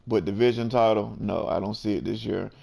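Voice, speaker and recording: A man with a low, gravelly voice hosts a relaxed sports chat. He keeps it loose and easygoing, dropping "you know" between thoughts as he lays out his picks. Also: fairly quick. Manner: laid-back, peppered with "you know". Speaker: host.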